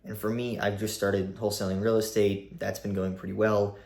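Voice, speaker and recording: Lively young man chatting at the camera. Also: on the low side, a little fast, vocal fry. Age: young adult. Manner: animated, swearing, rambling with restarts. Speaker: vlogger. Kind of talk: casual talk to camera. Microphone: camera on tripod.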